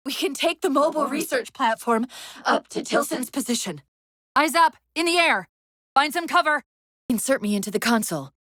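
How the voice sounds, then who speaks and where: Crisp military commands and briefings come from a sci-fi video game's female AI companion, whose high, lively pitch roams freely. Her brisk, wry urgency here turns urgent and alarmed. It's recorded very dry and close, with no room sound.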